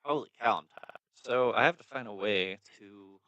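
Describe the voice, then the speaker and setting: A man's voice: mid-range voice, a little slow, bright, forceful tone, dry recording, highs cut off. A man streaming, muttering to himself and getting exasperated as he edits a video on a phone setup. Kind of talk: casual talking to himself.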